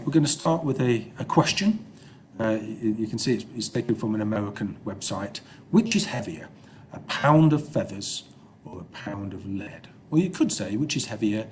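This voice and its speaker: A man's voice: on the low side, lively intonation, normal speed, slight background noise. A man teaching an informal recorded science lesson over slides in an explanatory manner, often checking with okay and yeah.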